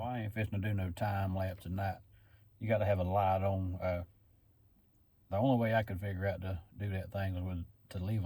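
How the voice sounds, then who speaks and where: A man's voice: low-pitched, darkish tone, no echo. A man with a Southern US accent talking to camera in a casual, folksy camping vlog from a camper in the pines. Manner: folksy, drawling, laid-back. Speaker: camping vlogger. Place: camper in a pine forest.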